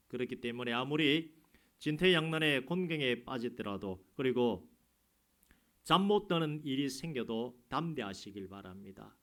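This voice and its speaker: A man preaching a sermon as a church pastor, climbing to loud, emphatic peaks and then dropping low and quiet. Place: church sanctuary.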